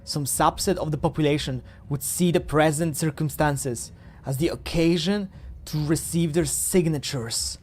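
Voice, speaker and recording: A man's voice: fairly high pitch, measured pace, few pauses. A man streaming a game, reading dialogue aloud and commenting casually, often stumbling over words.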